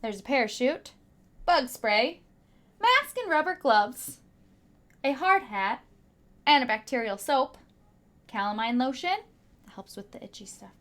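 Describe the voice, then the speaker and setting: Reading a picture book to young children, this high-pitched teacher adds dramatic emphasis and drops into hushed asides for her audience.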